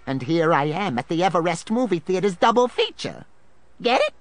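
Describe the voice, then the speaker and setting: An actor playing a gleeful, taunting villain obsessed with riddles in a children's audio drama, theatrical in delivery. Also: male voice, high-pitched, very animated, normal speed, dry recording. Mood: irritated, gloating.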